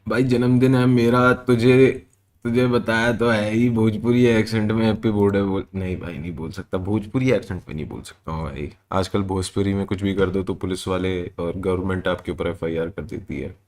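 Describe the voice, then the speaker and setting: A man's voice: on the low side, fairly even intonation, normal speed, darkish tone. A male livestreamer in casual chat, joking and reading out super chats, mixing in English phrases.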